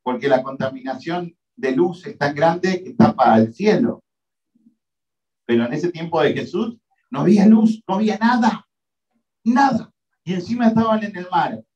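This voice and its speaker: A man with a Rioplatense Spanish accent preaches in a high, swooping voice that climbs and falls across his phrases. He presses his points with dramatic pauses and frequent amens. The sound is distant and dull, like a lo-fi church recording from across the room. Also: animated, darkish tone. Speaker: pastor. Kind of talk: sermon.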